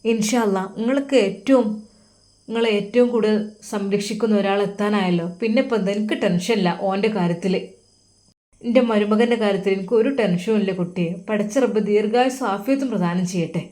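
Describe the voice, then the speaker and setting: A woman with a Malappuram Malayalam accent voicing a gentle, caring elderly father in a storybook tale. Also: mid-range voice, brisk, natural voice. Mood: tender. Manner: soft and comforting.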